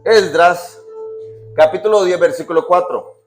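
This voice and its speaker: A male pastor preaching a sermon, quizzing the congregation with repeated questions and swinging between loud emphatic lines and quiet drops. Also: sits high, unhurried. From Colombia. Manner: call-and-response questions to the congregation. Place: church hall. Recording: echoey church with music behind.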